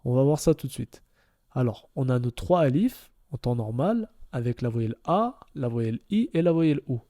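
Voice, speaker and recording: Expressive and moderately paced, a man with a dark, mid-range voice walks listeners through reading Arabic one step at a time. He repeats every step patiently and keeps asking "d'accord?" to make sure they follow.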